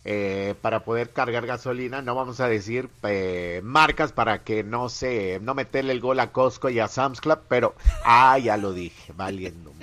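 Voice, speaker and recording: A morning radio host reads listener messages aloud and playfully teases his co-host in joking banter. His voice is mid-range with a fairly bright tone, at a moderate pace with few pauses.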